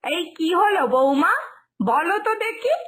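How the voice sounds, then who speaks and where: A woman voicing a stern middle-aged mother-in-law who scolds slowly in a lowered voice, for a cartoon story. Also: animated, a bit bright, exaggerated voice. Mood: explaining.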